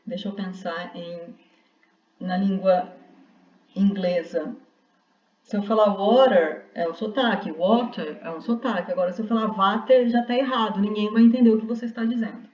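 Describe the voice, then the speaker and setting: A woman's voice: mid-range voice, warm tone. A woman, giving a university lecture in an explanatory way with frequent restarts. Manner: explanatory, with many restarts and rhetorical "né?". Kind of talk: online class lecture. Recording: roomy, distant, dull lo-fi sound.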